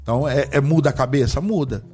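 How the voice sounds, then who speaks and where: A Brazilian man appearing as an apostle guest preaches about faith in a religious conversation, fervent and emphatic and firing off rhetorical questions. His mid-range voice is fast and mellow. Faint music plays behind him.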